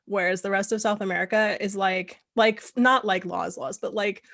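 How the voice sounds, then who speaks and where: A woman's voice: mid-range voice, fairly even intonation, normal speed, creaky, fairly bright tone. A woman from California hosting a casual chat, talking in rambling asides and laughing often. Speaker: host.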